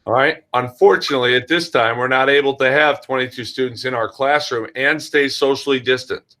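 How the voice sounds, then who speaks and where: An American man with a very bright, forceful voice at a middle pitch hosts a school orientation. He takes questions informally and talks straight to parents and young children, checking in as he goes. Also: fairly quick. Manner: addresses parents and children directly, checks in with frequent "all right". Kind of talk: informal question-and-answer presentation.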